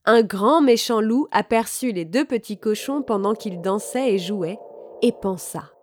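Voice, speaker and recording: A woman reading a children's fairy tale aloud in a calm, clear, measured way. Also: mid-range voice. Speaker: storyteller.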